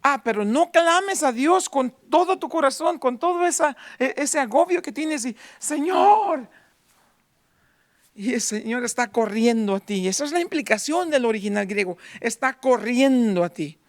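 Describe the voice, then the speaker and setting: A man in his fifties preaching a sermon in church, moving between fervent raised passages and hushed near-whispers. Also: extremely high pitch, lively intonation, moderate pace, few pauses, no echo. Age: 50s. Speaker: pastor.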